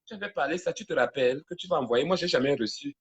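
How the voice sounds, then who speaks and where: This livestream host has a high, expressive voice and talks fast, broadcasting casually from home into a phone. He's chatty and teasing, his voice at times drifts from the mic, and he goes quiet for asides whenever he takes a phone call.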